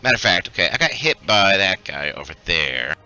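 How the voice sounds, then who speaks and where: Guy narrating his tabletop game moves, real punchy sharp voice, lively swings, bit of music behind. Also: low voice, a little fast, clear, resonant tone, highs cut off. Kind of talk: improvised game narration and casual table talk.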